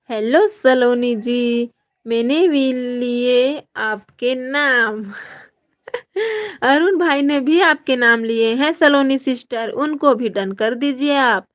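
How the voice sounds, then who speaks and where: A woman from Chhattisgarh hosting a casual live stream, greeting viewers by name and reading out their comments in a slow, drawn-out, friendly way. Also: high-pitched. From Chhattisgarh, India.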